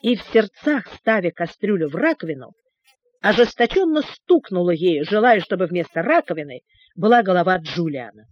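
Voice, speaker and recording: A woman's voice: on the low side, sing-song, moderate pace, dry recording. Woman narrating a storybook. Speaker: audiobook narrator. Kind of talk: scripted narration. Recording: dull, dry recording.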